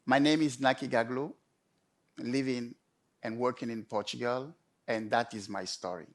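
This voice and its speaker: A man delivering a prepared storytelling talk in measured, emphatic short phrases with pauses. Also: mid-range voice, fairly even intonation. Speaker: conference speaker.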